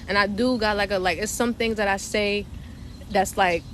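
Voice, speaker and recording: A woman's voice: medium pitch, moderate pace, poor audio. A young woman from Delaware with a slight New York twang, chatting casually and profanely on a livestream, laughing often. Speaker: spiritual livestream host. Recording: steady background noise.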